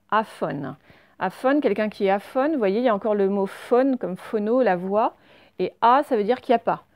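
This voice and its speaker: Une enseignante qui fait une leçon d'orthographe pour enfants, lente et patiente, qui répète chaque mot deux fois. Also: female voice, mid-range voice, creaky, no echo. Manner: slow, patient, repeats each word twice. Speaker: teacher. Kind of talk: spelling lesson read to children.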